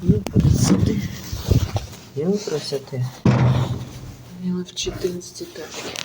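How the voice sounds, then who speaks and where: Slow talking vlogger mumbling little exclamations to viewers, really loud wind noise, echoey. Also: medium pitch. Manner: muttering, exclaiming in short fragments. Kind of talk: casual chat to viewers while filming.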